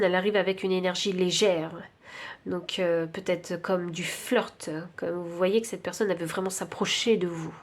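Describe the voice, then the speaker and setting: A woman with a French accent giving an intuitive tarot reading, thinking aloud with many pauses and fillers. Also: lowish voice. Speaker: tarot card reader.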